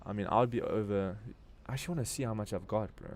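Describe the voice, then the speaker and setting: Fast and a little mellow, this fairly low-pitched voice comes with a bit of hiss or hum. The speaker, a crypto stream host from Durban, South Africa, thinks out loud through casual, slangy live market commentary in his South African accent.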